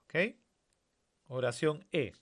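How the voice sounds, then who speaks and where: A man's voice: medium pitch, takes it slowly. A man teaching a primary school grammar lesson online. He asks the class questions and then answers them himself.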